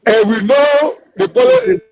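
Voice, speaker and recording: A man's voice: very high-pitched, huge pitch swings, moderate pace, creaky, darkish tone, no room sound, muffled recording. A man on a conference call line that breaks up, talking insistently and repeating himself as a panelist in a casual call-in chat. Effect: heard over a conference call line that breaks up. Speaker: panelist on a call-in talk show.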